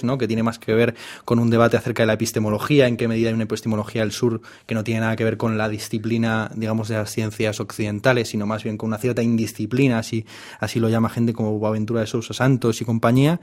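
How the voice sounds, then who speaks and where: Hesitant man interviewing. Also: mid-range voice. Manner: hesitant, restarts phrases while thinking aloud. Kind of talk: thoughtful conversational interview.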